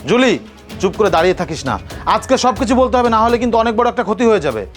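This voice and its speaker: A man's voice: high voice, animated, very fast, soft background music. A man with a Bangladeshi accent playing an indignant young son defending his wife in a film melodrama, earnest and insistent. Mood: firm, exasperated. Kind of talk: melodramatic short film acting.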